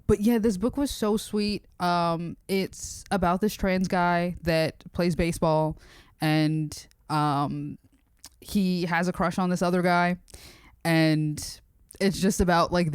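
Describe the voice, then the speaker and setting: A young woman vlogging casually about books, chatty and slangy, with many fillers and lively retellings of her own reactions. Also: deep voice, smooth, dry recording, studio quality. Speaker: book vlogger. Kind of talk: casual chat.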